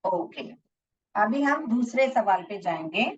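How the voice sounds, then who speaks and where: Woman teaching kids, dictates words real slow, slightly muffled recording. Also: medium pitch, expressive, a little hiss or hum. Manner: repeats words slowly for dictation. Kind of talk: classroom lesson for children.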